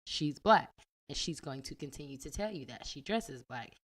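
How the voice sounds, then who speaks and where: A woman's voice: low-pitched, lively intonation, moderate pace, a bit bright. A woman co-hosting a casual podcast, talking emphatically and with sass, often calling listeners "y'all". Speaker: podcast co-host.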